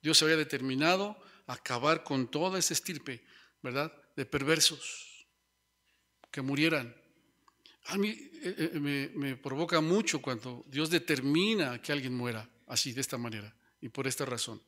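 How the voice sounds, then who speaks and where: A man's voice: fairly high pitch, moderate pace, sharp tone. A man preaching a Bible sermon who speaks to his listeners as brothers and keeps tagging his lines with rhetorical questions.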